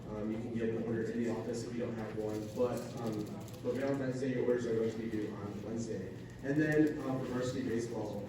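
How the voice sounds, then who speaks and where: Guy reading school announcements, kinda low voice, super echoey and far off, noisy. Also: fairly even intonation, quick pace. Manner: plain, hesitant with fillers. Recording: very echoey, distant, noisy room audio.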